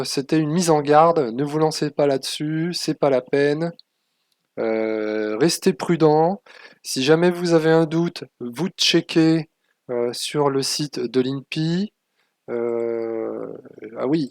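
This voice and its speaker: Man, channel host, screen-share tutorial, halting filler-heavy delivery, cautionary, mid-pitched voice, dry close sound. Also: a little mellow, no echo. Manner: hesitant, many fillers, warning tone.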